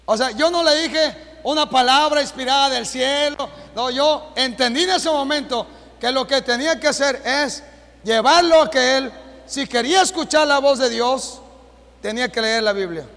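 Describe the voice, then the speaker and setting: A Mexican man preaching a sermon as pastor, with a Mexican Spanish accent, asking the congregation rhetorical questions and rising to shouts. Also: extremely high pitch, normal speed. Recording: long hall reverb.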